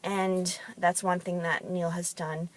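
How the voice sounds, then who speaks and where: A woman's voice: lowish voice, flat delivery, slow pace. A woman who works in fitness and competes in bodybuilding, telling chatty stories with frequent ums. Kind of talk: casual storytelling monologue.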